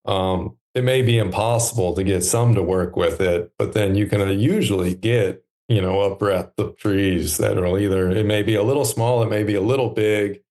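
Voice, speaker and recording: A man in his thirties, a podcast guest talking in a relaxed, reflective way with many pauses and fillers. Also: lowish voice. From United States. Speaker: podcast guest, stand maker. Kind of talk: relaxed conversational interview.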